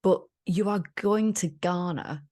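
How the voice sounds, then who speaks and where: A woman's voice: fairly low pitch, slow pace, warm tone. A woman co-hosting a podcast, chatting in a jokey, enthusiastic way. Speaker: podcast co-host. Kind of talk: casual chat.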